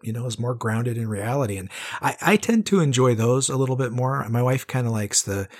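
A man hosting a casual interview, relaxed and stopping often with fillers and restarts. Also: medium pitch, fairly quick, slightly rough. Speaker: interviewer, podcast host.

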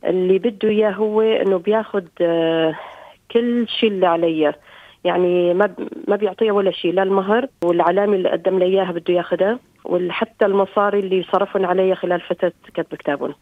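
A woman's voice: mid-range voice, steady tone, fast talker, no room sound. A woman calls in over the phone to ask a religious question, hesitant and full of fillers and restarts. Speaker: caller. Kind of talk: call-in question to a religious show. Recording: dry, phone-like line.

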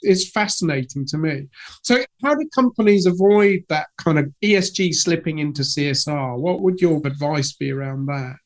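Man, podcast co-host, enthusiastic, reflective, higher pitch. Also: normal speed. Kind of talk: podcast interview.

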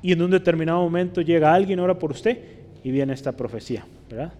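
A male pastor delivers a teaching sermon, his voice pitched a little high. He keeps checking in with the congregation through tag questions. The sound rings with the long reverb of a large church hall. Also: quick pace, mellow.

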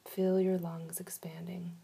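A woman guides a relaxation exercise in a low-pitched, very breathy voice with a mellow, gravelly edge. She gives slow, soothing instructions and leaves long pauses between them. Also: little pitch movement.

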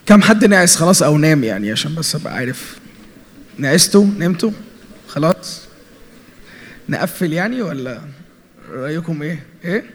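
A man's voice: fairly high pitch, animated, brisk, pauses often, a little hiss or hum. A young man with an Egyptian Arabic accent preaching a sermon, playfully teasing the congregation and mixing in English words. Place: large church hall. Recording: hall with long reverb and faint music.

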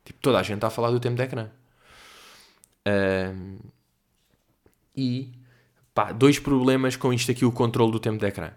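A young man from Portugal with a European Portuguese accent, hosting a podcast in a rambling, slangy, animated casual monologue. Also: medium pitch, moderate pace, long pauses. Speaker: podcast host.

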